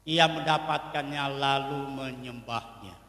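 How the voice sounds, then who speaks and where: A man preaching a sermon as pastor, swinging from loud to soft. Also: medium pitch, a little slow. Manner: animated preaching with shifts between loud and soft. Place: church hall. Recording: echoey hall, mic at a distance.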